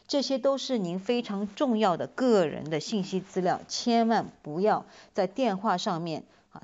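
A woman giving a semi-scripted public safety announcement as a police community liaison officer, measured, instructive and emphatic. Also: medium pitch, darkish tone. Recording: dull, band-limited lo-fi voice recording.

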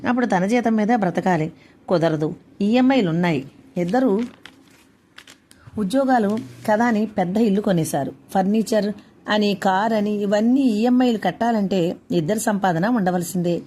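A woman author narrating her own short story, reading in a plain, steady way. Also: mid-range voice, normal speed, pauses often, a little hiss or hum.

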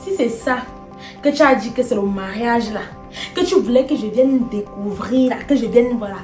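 A woman playing an indignant visiting sister in a comedy web series, complaining loudly. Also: fairly high pitch, animated, normal speed, roomy sound, soft background music.

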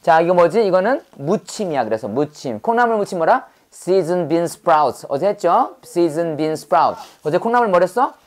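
A woman with a fairly low voice runs a brisk vocabulary lesson. She drills words through call-and-response and repeats each term again and again. Her quick questions keep the students answering. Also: sing-song, a little mellow. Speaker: English vocabulary teacher.

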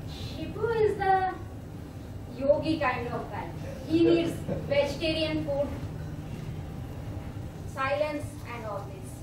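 A young woman facilitating a workshop meetup in a hotel meeting room patiently explains a group game to volunteers, speaking slowly in a high-pitched voice with many fillers. A distant camera picks her up, so the audio is noisy and echoey.

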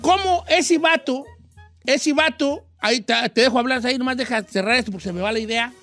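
A man's voice: very high-pitched, brisk, a bit bright, faint music behind. Mexican man, slangy rambling radio host. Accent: Mexican Spanish. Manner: slangy, rambling, self-mocking. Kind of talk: casual radio advice chat.

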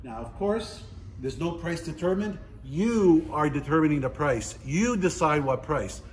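A middle-aged man giving a casual walking tour of a large warehouse as an auctioneer, chatty and playful, listing items in quick repeats. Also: a little high, lively intonation. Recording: roomy warehouse echo, faint background noise.

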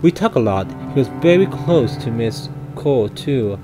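A man's voice: mid-range voice, lively intonation, unhurried, music in the background, natural voice. A man voicing a guilt-ridden former army soldier, reading his game lines aloud in a plain, somber, confessional way.

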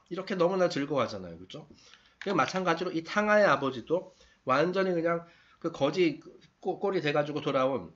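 A man's voice: on the high side, a bit bright. A man lecturing casually, reading passages aloud and then paraphrasing them, often checking in with tag questions. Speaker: lecturer reading and explaining a text. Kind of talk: casual explanatory talk. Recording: dull lo-fi recording.

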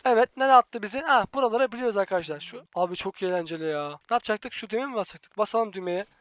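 A chatty gaming host with a very high voice, talking fast and jumping from calm narration to startled shouts. He keeps calling out to his viewers as friends. The sound is dry and a bit muffled, like a cheap home microphone. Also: dry recording. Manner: chatty, excitable, constantly addressing viewers as friends. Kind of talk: let's-play gameplay commentary.

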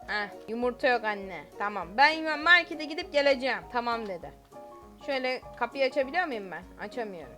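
A woman commentating her own gameplay as a YouTuber, excitable, exclaiming and giggling often. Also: on the high side, a little fast, faint music behind. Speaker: gaming YouTuber.

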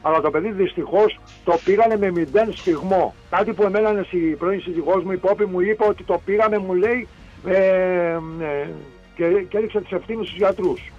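A man, a bereaved father giving a TV news interview, retelling events haltingly and repetitively and insisting hard on his point. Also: high-pitched, soft background music. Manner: insistent, emphatic denials. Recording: dull lo-fi TV audio.

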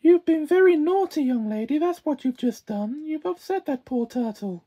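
A man's voice: very high voice, expressive, moderate pace, warm tone. A man voicing a strict woman doll in an amateur puppet show, scolding like a prim schoolmarm, stern and proper. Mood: stern, indignant.

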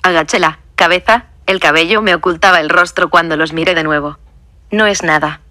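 Woman, audiobook narrator, lowish bright voice, dry close sound, reads punctuation out. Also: fairly even intonation, a little fast, no room sound. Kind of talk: first-person audiobook narration.

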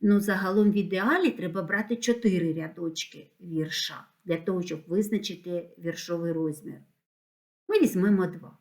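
A female teacher explaining a school lesson, slowly spelling words out syllable by syllable. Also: fairly low pitch, darkish tone. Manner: slow, deliberate syllable-by-syllable dictation.

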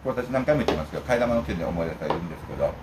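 A man's voice: sits low, animated, racing, very noisy. A middle-aged man from Okinawa, hosting a food vlog and chatting casually while eating, telling wandering, jokey stories.

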